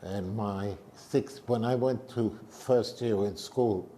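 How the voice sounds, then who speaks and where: A man in his eighties, a retired professor, giving grave, measured interview answers. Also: lowish voice, warm tone, a little hiss or hum. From Israel. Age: 80s.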